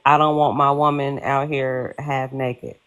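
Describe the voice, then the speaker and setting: A woman guest on a video call group chat who starts haltingly, then explains her view steadily. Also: rumbling low, level tone, fairly bright tone. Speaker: guest caller.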